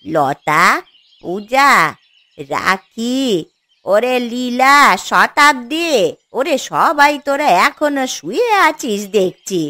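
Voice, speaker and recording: A woman's voice: fairly high pitch, expressive, takes it slowly, long pauses, bright, forceful tone, no echo, full character voice. A woman voicing a weary, scolding old grandmother in a cartoon, grumbling and sighing over her granddaughters. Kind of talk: animated cartoon voice acting. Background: faint music.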